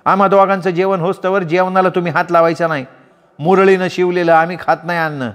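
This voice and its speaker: A man voicing a quarrelsome, haughty elder sister-in-law with a shrill way of speaking. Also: fairly even intonation, fast talker, fairly bright tone, big-room sound.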